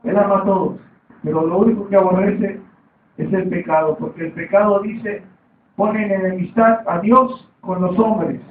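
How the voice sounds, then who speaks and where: A man with a high voice preaches a sermon, circling back to the same points and prompting the room with amens. He sounds distant and roomy, as if heard through a narrow, phone-like line from the back of a church hall. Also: fairly even intonation, normal speed. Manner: repetitive, calls for amen.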